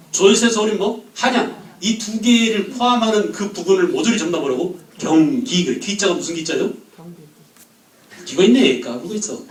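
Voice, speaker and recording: A man teaching a history class, firing quick questions at the students and joking with them. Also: high voice, reverberant, recorded from a distance, poor audio. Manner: quizzes the class with quick questions, jokes and laughs. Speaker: history lecturer.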